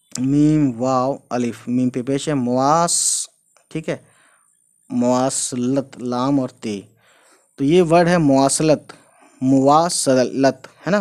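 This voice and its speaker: A man giving a casual spoken language lesson. He spells out letters slowly, repeats each word and often adds short check-ins. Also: mid-range voice, darkish tone. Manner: explains slowly, spells out letters, repeats words, fills with "theek hai". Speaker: language teacher.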